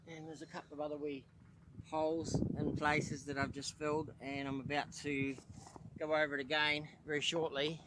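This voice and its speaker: A man's voice: a little high, level tone, normal speed, noisy background. A middle-aged New Zealand man with a New Zealand accent hosts a casual do-it-yourself boat-repair vlog. He chats in an easygoing way and thinks aloud as he goes, sounding tired. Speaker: boat owner and channel host.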